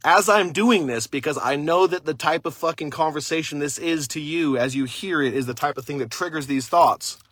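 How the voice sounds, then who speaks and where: A man's voice: a little high, normal speed, few pauses, a bit bright, husky, no room sound, studio quality. Intense, profane man giving a motivational rant. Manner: intense, blunt, swears constantly. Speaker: motivational speaker; father.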